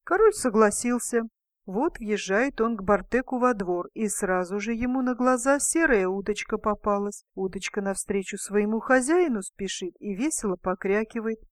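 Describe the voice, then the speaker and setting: A woman tells a fairy tale in an expressive reading voice of ordinary pitch. The recording is dry, with no room sound. She leans hard into the characters. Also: moderate pace, dry recording. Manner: expressive, shouts the king's lines. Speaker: storyteller.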